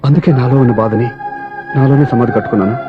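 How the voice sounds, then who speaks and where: A gentle grieving young widower, played by a man, speaking softly and earnestly at an ordinary pitch. Film music plays clearly behind him, and the sound is dull. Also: racing, lightly acted. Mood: grieving, pleading. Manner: soft, earnest pleading.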